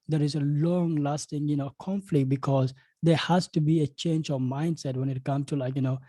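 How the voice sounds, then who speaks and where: An earnest young man from South Sudan speaking as a panelist over a video call. His voice is mellow and sits a little high for a man. The sound is close and dry, and he leans on many fillers and repeated words. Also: steady tone, moderate pace, no echo. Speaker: panelist, game studio founder. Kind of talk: panel discussion remarks.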